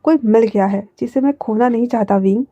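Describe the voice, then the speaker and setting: A young man talks low-key and soothing, urging his partner to listen, as a woman gives him her own light voice. The tone is high and mellow, dry and close, on a dull lo-fi recording of a storybook telling. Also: brisk, dry recording. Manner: soothing, urgent pleading. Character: young man, calm worried lover. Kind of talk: fan fiction story narration. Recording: dull lo-fi audio.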